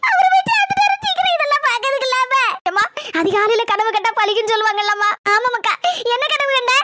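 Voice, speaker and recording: A woman's voice: extremely high pitch, fairly even intonation, fast, bright, forceful tone. A woman voicing a scheming young married daughter in a Tamil cartoon, with a Kanyakumari accent and a wheedling, fake-tearful way of talking.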